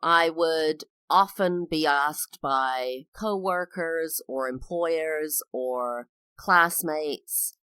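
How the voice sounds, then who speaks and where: A British woman in her thirties, her English accent lightly tinged with American, hosts a personal podcast monologue. Her voice is deep, pushed, bright and smooth; she draws out her words, barely pauses, and enunciates carefully with a sing-song lilt. The recording is dry with no room sound.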